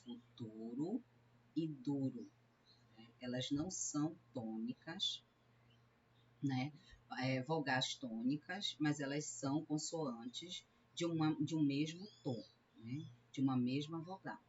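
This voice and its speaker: A woman from Brazil, a literature teacher giving a recorded lecture, explaining step by step and often tagging a questioning "né?" onto her sentences. She slows down to sound out syllables one at a time. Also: a bass voice. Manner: sounds out syllables slowly when counting verse. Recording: slightly dull lecture recording with faint hiss.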